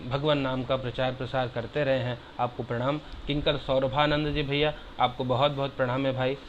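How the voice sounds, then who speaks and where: Lo-fi sound with slight background noise captures a medium-pitched, level-toned man, a religious teacher delivering a devotional discourse. He explains sacred verses simply, chanting the Sanskrit slowly and loudly in between, and speaks to his listeners warmly as brother.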